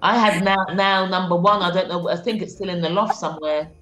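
A woman's voice: on the low side, steady tone, fairly quick, a bit bright, faint music behind. A woman co-hosting a video-call interview, chatting and reminiscing in a friendly way. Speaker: co-host.

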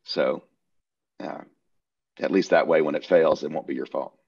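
A man's voice: very deep voice, fairly even intonation, normal speed, creaky, slightly rough. An older man on a headset during a video call, giving dry, wry technical advice. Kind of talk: casual technical discussion. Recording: dull lo-fi call audio.

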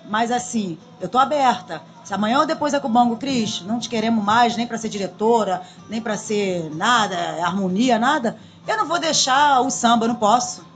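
A woman, talking in a lively, chatty way as a guest in a small radio studio. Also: on the high side, normal speed, soft background music. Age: 40s. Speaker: samba school drum queen guest. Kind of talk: casual radio interview. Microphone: studio boom mic.

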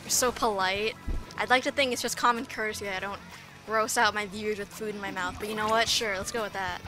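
Game music plays in the background as this young VTuber talks fast in a steady, mid-range voice. Eating and cursing freely, she keeps up a casual chat with her viewers while playing, captured on a streamer mic.

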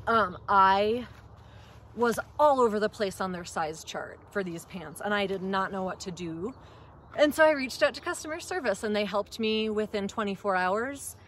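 A woman's voice: medium pitch, fairly bright tone, a little hiss or hum. A woman with a Minnesota accent, chatting to camera in an enthusiastic gear review with plenty of ums, indoors at a table. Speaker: outdoor gear vlogger.

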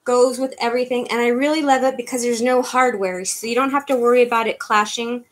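Talking a little fast in a fairly high, steady voice, a woman in her fifties hosts a live online handbag auction. She sits in her living room at home before a webcam, calling out bids and thanking viewers by name in chatty live-stream patter.

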